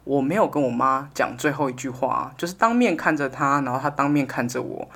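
A woman with a Taiwanese Mandarin accent, co-hosting a casual chat and telling a story with lively impressions. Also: brisk, breathy edge. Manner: animated storyteller, acts out her mother in a high voice. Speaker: podcast co-host.

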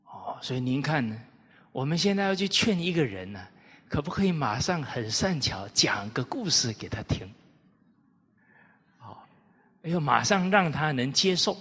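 A man lecturing on the classics, telling historical anecdotes in an animated way and putting rhetorical questions to his listeners. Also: on the high side, moderate pace, breathy edge. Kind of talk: storytelling lecture. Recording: reverberant hall.

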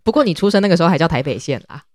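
Teasing woman, low voice. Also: expressive, darkish tone, no echo, clean studio sound. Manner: teasing, quick quips. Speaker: podcast co-host. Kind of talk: casual podcast chat.

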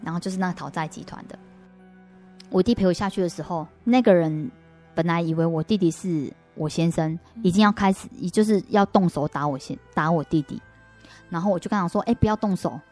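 A woman with a Taiwanese Mandarin accent speaks in a fairly low voice as an interview guest. She tells her faith testimony earnestly, often restarting her sentences, while soft music plays faintly behind her. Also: a little fast.

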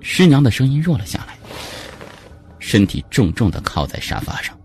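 A man narrating a dramatic story in scripted, expressive storytelling. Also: medium pitch, moderate pace, soft background music.

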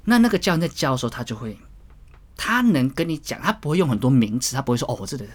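Husky chatty man telling a gym story. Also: medium pitch, very animated, fast talker. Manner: chatty, rambling, demonstrates exercises while talking. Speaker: gym-goer vlogger. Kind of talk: casual storytelling.

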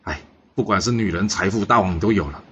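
A man doing a soft-spoken, courteous exiled prince. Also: sits low, fast, slightly rough, muffled recording.

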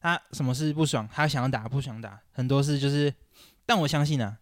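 A man's voice: medium pitch, brisk, no echo, studio quality. A young man, co-hosting a podcast, complaining animatedly and acting out quotes. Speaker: podcast co-host. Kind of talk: casual chat about basketball.

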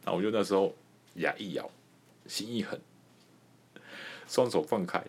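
A man from Taiwan hosting a podcast, telling a comic personal story in an animated way and laughing often. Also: deep voice, moderate pace, gravelly, husky. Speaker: podcast host.

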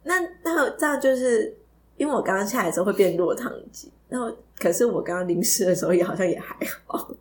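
A woman's voice: mid-range voice, expressive, fast, a little hiss or hum. A woman co-hosting a podcast, telling a story in casual chat, giggling and stumbling over repeated words. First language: not Taiwanese Hokkien. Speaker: podcast co-host.

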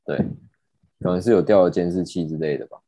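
Deep-voiced man telling a story. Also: fast talker, no room sound. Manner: animated, indignant, swears casually. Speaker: podcast host. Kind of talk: casual storytelling.

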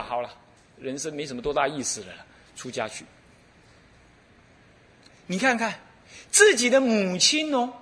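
A middle-aged man with a Taiwanese Mandarin accent, a Buddhist abbot giving a dharma talk full of stories, laughing and acting out the dialogue. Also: sits high. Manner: animated storyteller who laughs and acts out dialogue.

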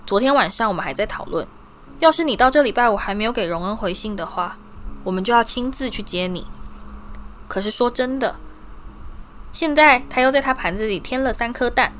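A woman reading the part of a stern but caring mother witch who scolds her sons and softens toward a guest. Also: a little high, brisk, a little hiss or hum, natural voice. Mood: scolding. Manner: scolding, firm then soft.

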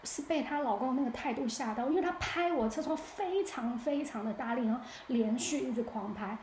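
Her voice is fairly high, with a darkish tone and a fairly quick pace, as she hosts her podcast and chats openly about a mishap she had. The solo storytelling was recorded in an echoey room, with slight noise in the background.

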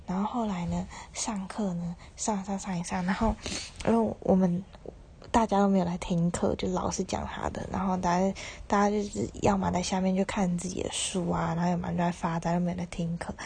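A young woman in her twenties with a Taiwanese Mandarin accent, telling a rambling personal story in a casual, often breathy near-whisper. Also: on the low side, little pitch movement, brisk, darkish tone, a little hiss or hum. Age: 20s. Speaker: university student podcaster.

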